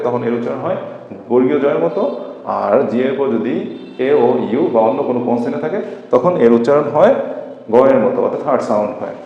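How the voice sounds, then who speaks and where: Guy teaching phonics at a board, spells stuff out slow, big echoey room, kinda muffled lo-fi sound. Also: mid-range voice, dark tone. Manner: slow, repetitive, spells words letter by letter. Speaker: English teacher. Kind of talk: whiteboard phonics lesson. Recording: echoey room, dull lo-fi sound, faint hiss.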